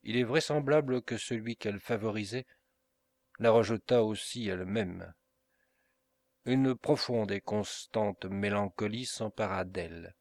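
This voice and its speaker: A man voicing a brooding, proud middle-aged Italian nobleman, speaking in a grave, measured way for an audiobook. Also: on the low side, no room sound.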